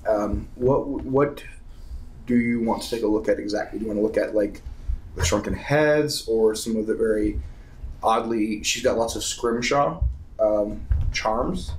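A man's voice: lowish voice, a little slow, low-quality recording. Man running a tabletop game. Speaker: game master. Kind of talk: casual tabletop game narration.

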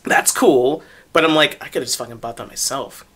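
A man in his forties co-hosting a podcast, loud and emphatic, swearing and laughing in casual chat. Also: medium pitch, moderate pace, slightly rough. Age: 40s. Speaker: podcast co-host.

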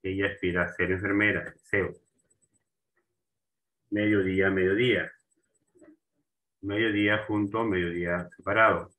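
A man teaching a grammar lesson with a slightly low voice and a bright, forceful edge. He talks very slowly, repeats words and restarts them, and keeps checking in with his students. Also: flat delivery, poor audio. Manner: slow and repetitive, restarting words and asking for agreement.

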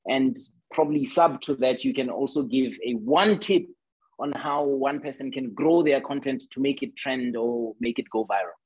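Husky man moderating a panel. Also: mid-range voice, moderate pace, rough recording. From South Africa. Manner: formal, addresses guests by title. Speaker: facilitator.

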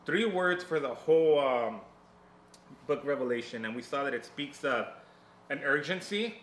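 A man's voice: mid-range voice, lively intonation, moderate pace, a bit bright. A man preaching a sermon recap as pastor, earnest and conversational, speaking around a cough drop in his mouth. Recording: echoey room.

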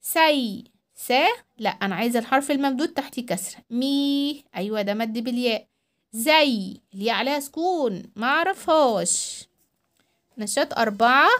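A woman with an Egyptian accent teaching young children to read, drawing out syllables slowly and clearly. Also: high-pitched, expressive, fairly bright tone. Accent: Egyptian Arabic. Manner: drawn-out syllables for young learners. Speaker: primary school teacher. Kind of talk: children's reading lesson. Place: voice-over recorded at home.

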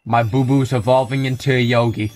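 A man's voice: medium pitch, fairly even intonation, fairly quick, a little mellow, soft background music. A young adult man giving wry, joking commentary over a video game, often chuckling at his own asides. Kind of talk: let's play commentary.

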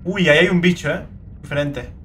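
A young man with a Spain Spanish accent doing let's play commentary, excitable and swearing a lot, with sudden shrieking outbursts. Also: a little high, brisk, a little hiss or hum. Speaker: gaming video creator.

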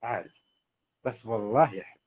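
A man's voice: fairly low pitch, a little fast, darkish tone, slightly rough, lo-fi sound. A man, a marriage coach giving earnest advice to husbands on a livestream. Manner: earnest, exhorting, addresses husbands directly. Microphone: livestream setup.

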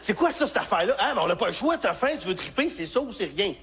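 A male stand-up comedian from Quebec with a Québécois accent, telling stories on a live stage and shouting his punchlines. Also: high voice, quick pace. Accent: Québécois French. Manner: animated storytelling with shouted punchlines.

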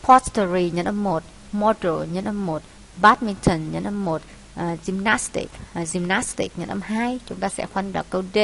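Woman teacher, Vietnamese accent, mid pitch, halting step-by-step explaining, faint hiss. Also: steady tone, vocal fry, darkish tone. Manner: unhurried, many hesitations, explains step by step. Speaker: English teacher. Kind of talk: exam walkthrough lesson.

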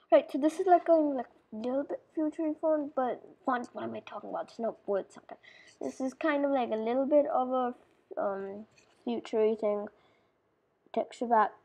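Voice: medium pitch, gravelly, breathy edge, dull audio. A person giving casual, rambling commentary over a game tutorial, often dropping into mumbles and whispers and correcting themselves. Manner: loose and chatty, with many fillers and self-corrections. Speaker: gameplay tutorial maker.

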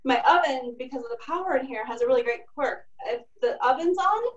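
A woman's voice: high-pitched, expressive, a little fast, far from the mic, dull audio. A woman giving a casual cooking demonstration in her home kitchen, chatty and full of fillers. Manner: chatty, lots of fillers like "like" and "kinda". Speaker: cooking instructor. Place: home kitchen in an old apartment. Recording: echoey room, voice off-mic.

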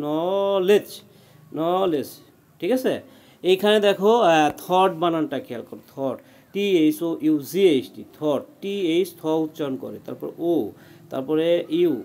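A man's voice: on the high side, darkish tone. A man talks through a spelling lesson one letter at a time. His voice sits a little above the usual male range. He checks in often to keep the student following along. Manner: patient, explains letter by letter and keeps checking "ঠিক আছে?". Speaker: teacher.

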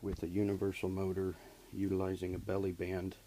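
Man, HVAC technician, hands-on repair tutorial, flat delivery, noisy handheld camera audio. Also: deep voice, a little fast. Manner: plain, practical explaining with frequent uh fillers. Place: basement furnace area and workshop floor. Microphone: camera held by the speaker while working.

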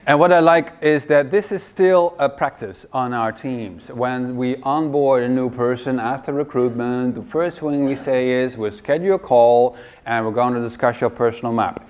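A middle-aged Dutch man delivers a wry, joking keynote in a large conference hall, talking into a headset mic as a lively presenter. His voice sits at medium pitch and moves at a moderate pace, with clean audio.

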